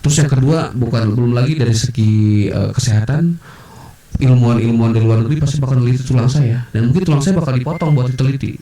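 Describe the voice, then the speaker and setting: A man as a podcast guest, telling personal stories in an animated way and acting out the voices of others. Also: medium pitch, quick pace. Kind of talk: personal storytelling in a podcast interview. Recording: roomy, distant mic.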